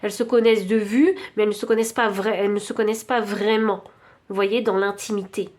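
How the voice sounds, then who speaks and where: A woman with a French accent giving an intuitive tarot reading, thinking aloud with many pauses and fillers. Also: medium pitch, steady tone, a little mellow. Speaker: tarot card reader.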